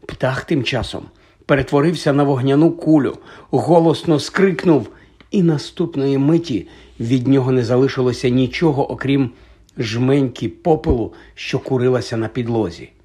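Man, audiobook narrator, husky voice, measured, scripted narration. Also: medium pitch, darkish tone.

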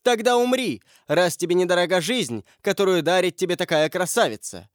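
A man's voice: high-pitched, lively intonation, fairly quick, no echo, studio quality, pitched above the performer's own voice. A man reading an audiobook, voicing a brash young nobleman who mocks and commands. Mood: mocking. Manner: scornful, commanding. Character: brash mocking young Piedmontese nobleman, swordsman.

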